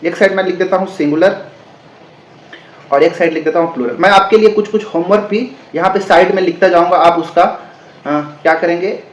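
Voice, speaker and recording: A man with a fairly high voice gives a patient, step-by-step grammar lesson to exam students. He spells words out letter by letter and keeps checking that everyone follows. The sound carries a noticeable room echo. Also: fairly even intonation. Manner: explains slowly, spells words letter by letter, repeats and checks understanding. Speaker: exam-prep English grammar teacher. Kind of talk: classroom-style grammar lesson.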